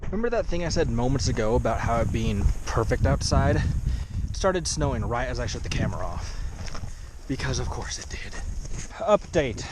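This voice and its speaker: A man's voice: medium pitch, very animated, normal speed. Chatty young man vlogging outdoors in wind. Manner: self-deprecating, chatty. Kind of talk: casual outdoor vlog narration. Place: outdoors by a stream in snowy, windy weather. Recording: wind and outdoor noise behind.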